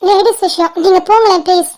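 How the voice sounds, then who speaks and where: A woman's voice: very high voice, fairly even intonation, fast. A woman voicing chatty young college girls in a cartoon, pleading and bossing the boys around affectionately. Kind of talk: cartoon voice acting.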